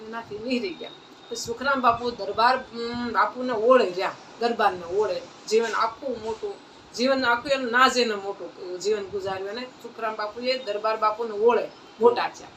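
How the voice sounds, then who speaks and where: A woman's voice: on the high side, moderate pace, fairly bright tone. A woman telling a saint's life story at a satsang, in a plain folk manner that repeats phrases. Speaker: devotional storyteller. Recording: distant mic, faint ambient noise.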